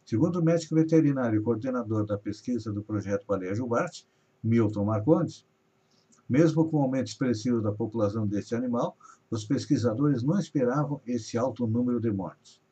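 A Brazilian man hosts a live news show, reading regional headlines and stories with rising emphasis. His medium-pitched voice is warm and husky and moves fairly quickly, and the recording is dull, lo-fi audio.

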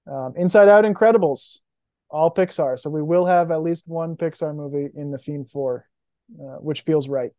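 A man's voice: a little high, moderate pace, dark tone, dry recording, studio quality. A young man co-hosting a podcast, chatting casually and with feeling about movies. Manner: emotional, enthusiastic about films. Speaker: podcast co-host. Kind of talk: casual chat.

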